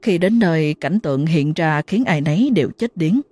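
A woman narrating a ghost story in a dramatic, expressive way. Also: deep voice, moderate pace, no echo.

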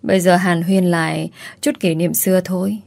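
A cruel, leering man threatens and mocks his former wife in a storybook reading, voiced by a woman. The voice sits low and sounds close and dry, coarse in every word. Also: fairly even intonation, normal speed, gravelly, a little mellow, dry recording. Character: brutal abusive ex-husband, grown man.

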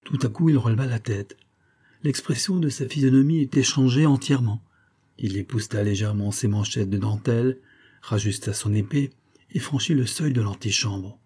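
A man reading a historical novella aloud in a steady storytelling manner. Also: medium pitch, normal speed, slightly rough. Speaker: audiobook reader. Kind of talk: scripted narration of a historical novella.

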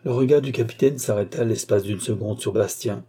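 Man narrating an old novel, low husky mellow voice, steady pace. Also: brisk. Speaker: audiobook narrator. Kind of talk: scripted narration of a classic novel.

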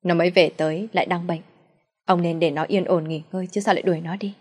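Woman voicing a middle-aged mother, loud, raised, defiant, tearful edge. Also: fairly low pitch, fairly even intonation, fast talker, slightly rough. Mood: pleading. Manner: pleading then shouting back.

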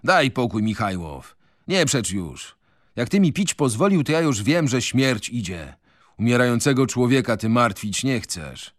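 A man's voice: mid-range voice, big pitch swings, measured pace, no echo, clean studio sound. A man reading a novel on radio, voicing a bitter, mocking male prisoner who feels he is dying. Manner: sarcastic, impassioned. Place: radio studio.

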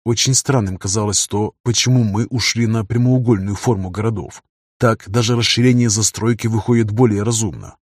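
A man narrating a first-person fantasy novel in a measured, cool manner. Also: on the low side, fairly even intonation, husky, no echo, clean studio sound. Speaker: audiobook narrator.

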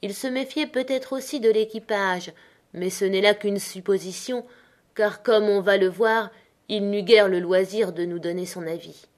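A woman reading a novel aloud with an even storytelling delivery. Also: mid-range voice, normal speed. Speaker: audiobook narrator. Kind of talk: scripted narration.

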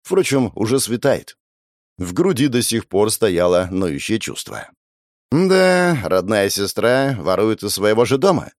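A man's voice: lowish voice, sing-song, measured pace, no echo, clean studio sound. Sardonic male audiobook narrator. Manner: sardonic, wry inner monologue. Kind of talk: first-person audiobook narration.

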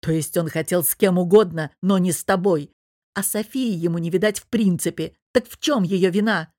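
A stern adult man, read by a woman narrator questions in a firm, icy tone and presses hard. The lines come slower and weightier than the narration. The recording is dry and close. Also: lowish voice, a little mellow, dry recording, lightly acted. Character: stern, cold-toned adult man confronting a girl.

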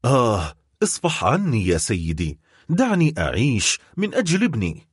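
A man's voice: mid-range voice, huge pitch swings, moderate pace, slightly rough, dry recording, clean studio sound. A man voicing a frightened young wife who cries out and pleads, in an audiobook reading. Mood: begging. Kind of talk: audiobook character voice.

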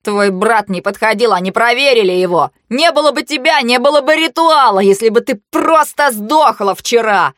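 A woman voicing a mocking, panicky young nobleman who swings from sneers to shrill outbursts, in a storybook reading. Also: a little slow, dry recording, studio quality, natural voice.

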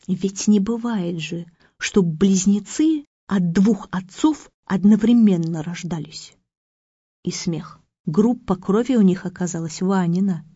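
Brief: female audiobook reader, lively gossipy storytelling, mellow dark tone, dry dull sound. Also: mid-range voice, dry recording. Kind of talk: narrating a story with character voices. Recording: dry, slightly muffled reading.

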